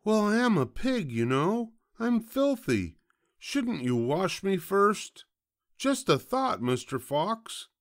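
A man's voice: sits high, big pitch swings, slow pace, pitched above the performer's own voice, heavily acted. A man voicing a small, polite young piglet with a wily, innocent-sounding manner in a children's storybook. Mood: sweetly wheedling. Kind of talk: children's storybook read-aloud.

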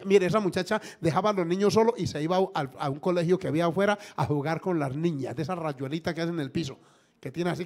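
Man, pastor, sermon, gravelly voice, slightly high pitch, acts out quoted voices. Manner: lively, acts out quoted voices, jokes with congregation. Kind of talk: sermon with storytelling. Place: church.

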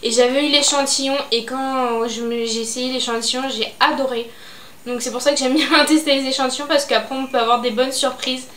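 A woman's voice: high voice, steady tone, a little fast, a bit bright. A young adult woman chatting casually about her beauty and fashion purchases, hesitant with lots of fillers. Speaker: beauty vlogger. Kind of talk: casual haul chat. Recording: echoey room, faint noise.

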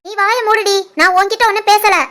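A woman voicing a spiteful, taunting young sister-in-law in an animated family cartoon, with a Tirunelveli Tamil accent. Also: very high voice, a little fast. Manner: taunting, accusing.

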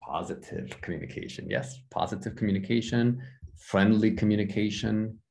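On a video call, an American-accented man teaches an online English class, gently correcting students and repeating phrases. His gravelly voice is on the low side and moves at a normal speed.

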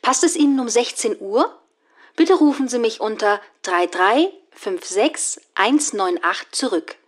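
An actress playing a polite woman leaving a formal, clearly articulated answering machine message. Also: fairly high pitch, animated, unhurried. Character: polite woman phoning about an appointment. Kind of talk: scripted answering machine message for a German listening exercise.

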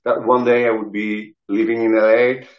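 A man's voice: on the low side, flat delivery, moderate pace. A middle-aged man with a French accent, telling casual anecdotes hesitantly, searching for words. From south of France. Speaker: interview guest, rock guitarist and singer. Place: indoor room, video call. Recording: roomy, dull video-call sound.

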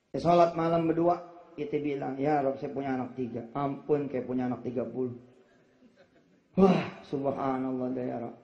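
A man's voice: fairly high pitch, darkish tone. A man preaching a humorous sermon, joking and playfully acting out the people he quotes. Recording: echoey, dull lo-fi hall recording.

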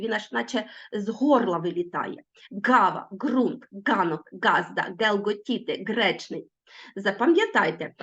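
A woman teacher giving a recorded school lesson in a lively, sing-song teacher's voice. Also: medium pitch, highs cut off.

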